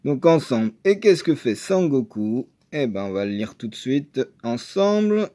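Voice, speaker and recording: A man chatting casually while opening trading card boosters, excitable and full of hesitations. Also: mid-range voice, unhurried. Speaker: card game video maker.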